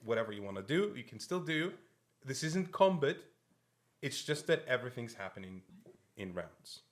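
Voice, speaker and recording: A man narrating as game master of a tabletop game, in a halting, chatty way with frequent restarts. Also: medium pitch, sing-song. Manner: halting, chatty, laughs often.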